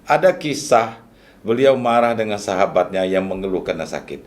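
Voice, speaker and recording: A man hosting a casual podcast interview, calm, often murmuring agreement. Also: on the low side, moderate pace. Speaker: podcast host.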